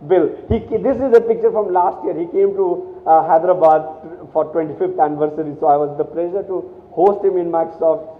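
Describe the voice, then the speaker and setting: A man's voice: on the high side, a little fast. A man from India giving a motivational speech to students, telling stories animatedly with many restarts and repeated words. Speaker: guest speaker at a college. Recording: echoey hall, thin phone-like sound.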